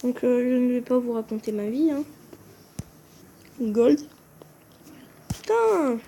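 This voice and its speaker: A woman's voice: fairly high pitch, a little slow, mellow, slight background noise. A woman giving casual commentary on a game video, hesitant and often stumbling over and correcting names. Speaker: gaming video creator. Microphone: phone screen recording.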